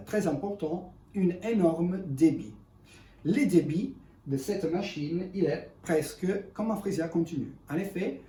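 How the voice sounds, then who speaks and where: A man in gives an unscripted product demonstration in halting, self-correcting, speech. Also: fairly high pitch, warm tone. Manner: halting non-native French with self-corrections. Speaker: ice cream machine presenter. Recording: echoey room, distant mic, faint noise.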